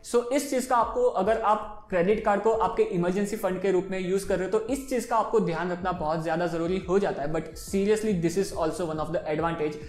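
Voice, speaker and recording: A man's voice: high-pitched, moderate pace, hardly any pauses, reverberant, faint music behind. A man in his twenties explaining personal finance in a casual, chatty way, switching freely between Hindi and English. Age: 20s. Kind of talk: casual explainer talk to camera.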